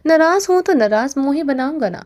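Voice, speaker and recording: A woman voicing a proud young husband who grumbles and teases his wife in a romance audiobook, her voice pitched lower for him. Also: animated, a little mellow. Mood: teasing. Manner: mock-grumbling, teasing.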